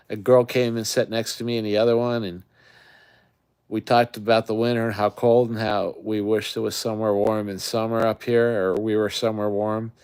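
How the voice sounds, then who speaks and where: A middle-aged man from the Great Lakes region hosts a camping channel, rambling casually on a live stream with plenty of fillers. His voice is on the low side and darkish, with a clean tone and no echo.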